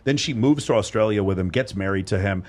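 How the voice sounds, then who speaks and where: A man's voice: lowish voice, quick pace, a little mellow. A man on a podcast panel talking bluntly and emphatically, with frequent swearing, recorded in a studio. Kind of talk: casual panel discussion. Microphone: studio microphone.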